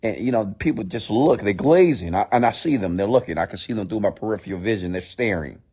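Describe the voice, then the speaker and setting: Very deep-voiced man, blunt motivational speaker. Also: animated, quick pace, a little mellow, breathy edge. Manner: blunt, scolding; emphatic, repeats phrases and poses rhetorical questions. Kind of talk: motivational mindset talk, preaching to an audience.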